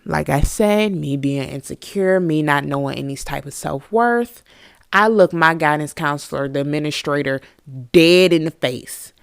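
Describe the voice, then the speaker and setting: A woman hosting a podcast and telling a storytime tale in an animated, swearing, filler-packed way. Her voice sits on the low side. The recording is dry, with no room sound around it. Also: moderate pace, vocal fry, clear, resonant tone, no echo. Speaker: podcast host. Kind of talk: casual storytime monologue.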